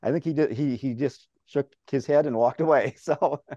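The longtime radio man, now older, is a guest on a video-call interview from his home office, swapping casual stories with plenty of laughter and animation. His strong voice sits mid-range, mellow, at a moderate pace, though the call audio is dull.

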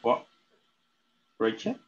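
A Spanish-speaking man learning English, reading sentences aloud in a lesson, hesitant and halting, often restarting words. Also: muffled recording, slight background noise. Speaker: student.

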